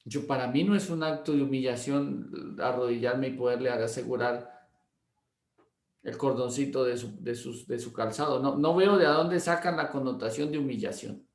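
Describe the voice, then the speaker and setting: Pastor telling a story. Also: male voice, mid-range voice, steady tone, normal speed. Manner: anecdotal, acts out dialogue, repeats words. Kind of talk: storytelling teaching class. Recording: roomy echo.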